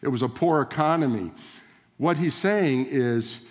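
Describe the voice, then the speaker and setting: A man's voice: medium pitch, measured pace. A male pastor preaching a sermon in a conversational way, with rhetorical questions and direct address to the congregation. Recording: long reverb of a large hall.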